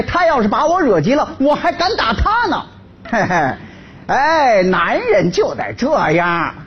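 A blustering henpecked husband. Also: male voice, extremely high pitch, muffled recording, a little hiss or hum. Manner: blustering, then fawning and servile. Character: boastful henpecked laid-off husband. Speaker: comedy sketch actor. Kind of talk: stage comedy sketch acting.

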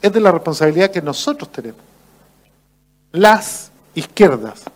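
A man from Chile with a Chilean accent giving an impassioned political speech, with rhetorical lists and frequent "eh" pauses. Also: a little high, very animated, low-quality recording. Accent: Chilean Spanish. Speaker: political speaker.

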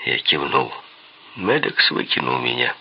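A man narrating a detective novel in a lively first-person reading. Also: extremely low pitch, unhurried, gravelly, slightly rough, highs cut off.

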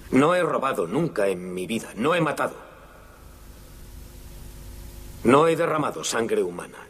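Casting: a condemned anarchist, fiery courtroom speech, very expressive pitch, dubbed film. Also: male voice, brisk, slightly rough. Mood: solemn. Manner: solemn, impassioned courtroom oratory. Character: condemned Italian anarchist man, defiant, impassioned. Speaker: defendant giving a final statement in court.

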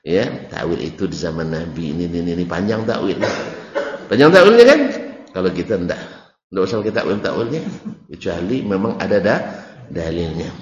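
A man with a Malay accent giving a religious study lecture, animated and teasing, his voice jumping high on key words. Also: a little fast. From Malay region of Indonesia. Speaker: preacher teaching a classical text. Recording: roomy dull hall recording.

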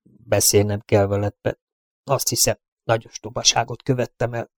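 A man's voice: medium pitch, level tone, no room sound, clean studio sound, close to an everyday voice. A man doing a shaken old cowboy guardian. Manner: halting, confessional, often hushed. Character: aging male cowboy guardian, guilt-ridden and fearful.

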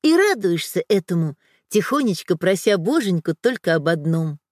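A woman's voice: fairly low pitch, sing-song, moderate pace, darkish tone, no echo, studio quality, pitched below the performer's own voice. A woman voicing a middle-aged mother who talks firmly and steadily, scolding and tender at once, in a storybook reading. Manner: firm, scolding yet tender. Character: firm loving middle-aged mother, teasing and protective.

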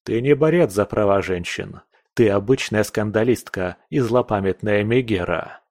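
A man's voice: fairly low pitch, moderate pace, darkish tone, no room sound, studio quality, lightly acted. A man voicing a stern aristocratic lord in an audiobook, curt and threatening. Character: stern, cold aristocratic male lord and newspaper owner. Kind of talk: audiobook character voice.

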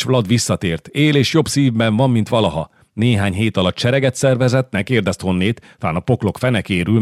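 A man voicing a gruff, hot-tempered middle-aged nobleman who bellows and curses bluntly in an audiobook. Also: lowish voice, no echo, clean studio sound. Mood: grim. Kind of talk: audiobook character voice.

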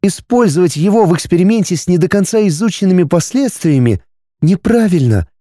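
An earnest, reproachful wife and mother from a storybook, as a male reader puts her on, her voice lifted well above his own and swinging widely in pitch. The tone is soft and mellow, heard close and dry with no room around it. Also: expressive, brisk, no echo. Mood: pleading, reproachful. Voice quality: soft, raised pitch for a woman. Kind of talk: audiobook character reading.

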